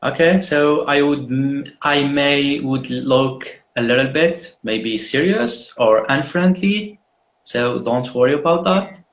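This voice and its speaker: Slow, friendly man hosting a video call. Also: medium pitch, dull audio. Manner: friendly, hesitant with fillers. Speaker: interviewer, host of a live online class. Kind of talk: live video call mock interview.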